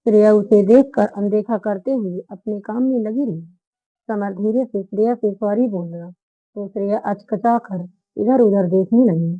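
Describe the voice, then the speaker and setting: A woman storyteller reads a romance story aloud at a steady, even pace. Her voice sits in a middle pitch. The recording is narrow and tinny, like a phone line. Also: measured pace, no echo. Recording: phone-like narrow band audio.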